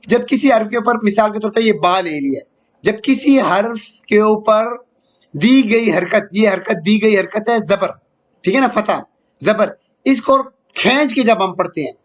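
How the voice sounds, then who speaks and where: A man with a high voice delivers an online grammar lesson. He explains slowly and patiently, repeating key words. He often stops to check that his students are following. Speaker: Arabic grammar teacher.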